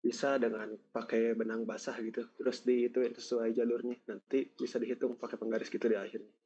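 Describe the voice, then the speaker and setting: A man's voice: mid-range voice, level tone, fast talker, warm tone, slightly rough. A male student answering casually in an online class, his call audio choppy and cutting out. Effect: choppy call audio that keeps cutting out. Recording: dull lo-fi video call audio.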